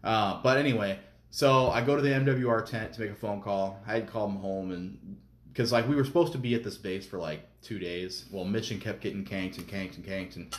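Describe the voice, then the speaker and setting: Man, low voice, profane animated storyteller, echoey room. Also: a little fast. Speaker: podcast guest, military veteran. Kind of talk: casual storytelling.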